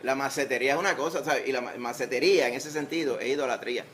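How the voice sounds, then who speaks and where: A man's voice: mid-range voice, quick pace, background noise. A man with a Puerto Rican accent preaching a sermon in church, conversational, with humor and rhetorical questions. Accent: Puerto Rican Spanish. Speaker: pastor. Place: church sanctuary.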